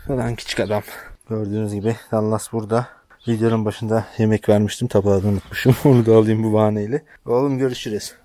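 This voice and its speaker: A man's voice: fairly low pitch, level tone, fast, warm tone. A man from Turkey vlogging outdoors on his village farm, chatting casually to viewers and talking fondly to his animals. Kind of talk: casual vlog narration.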